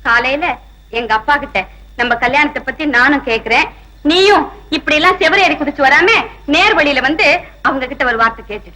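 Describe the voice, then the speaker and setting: A playful young woman, teasing her father and scolding her suitor. Her voice is very high and bright. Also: expressive, a little fast, poor audio. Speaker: daughter and lover in a film.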